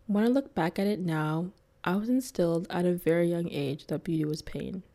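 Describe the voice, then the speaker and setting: Young woman host, lowish voice, chatty with lots of likes, also reads narration. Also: normal speed, warm tone. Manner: casual, filler-heavy in chat. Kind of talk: interview chat and scripted narration.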